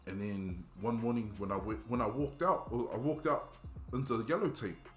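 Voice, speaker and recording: A man's voice: medium pitch, normal speed, a bit bright, soft background music. A man from New Zealand with a New Zealand accent, telling a story in a rambling, laid-back way with plenty of fillers on a podcast. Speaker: guest musician. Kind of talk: casual storytelling. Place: podcast studio.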